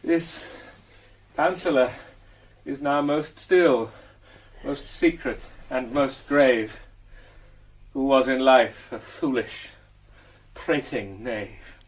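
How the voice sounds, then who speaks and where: An actor playing Hamlet, a bitter, sardonic prince feigning madness, with a British accent and a mocking classical radio drama delivery. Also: male voice, medium pitch, drawn-out words, rough recording. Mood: mock solemn. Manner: mercurial, mocking, theatrical delivery.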